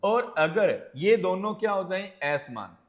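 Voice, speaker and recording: A man with a slightly high voice teaching an exam-prep lesson at a close mic. He asks and answers his own questions and keeps checking in with the class as he walks through each point. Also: expressive, measured pace. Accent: Hindi. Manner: calls listeners friends, often adds "right?".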